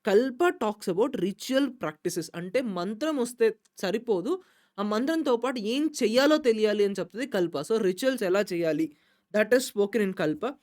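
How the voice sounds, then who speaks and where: A woman tutor giving an exam-prep lecture. She switches between Telugu and English, rushing through the Telugu and slowing down for the English, and keeps stressing which points are important. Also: mid-range voice, animated, darkish tone.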